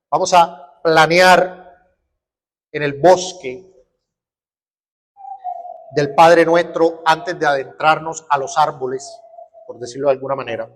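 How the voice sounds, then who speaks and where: Male Colombian pastor, high-pitched teaching voice, sermon in a reverberant church hall. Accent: Colombian Spanish. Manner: teaching with rhetorical questions and examples. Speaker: preacher. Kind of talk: expository sermon.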